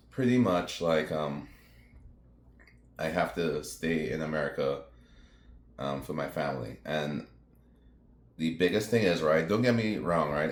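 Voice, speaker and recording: A middle-aged retired veteran from Trinidad and Tobago, chatting casually to camera in a relaxed, rambling way, with fillers and asides to his viewers. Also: a bass voice. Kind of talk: casual talking-to-camera vlog. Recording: echoey room.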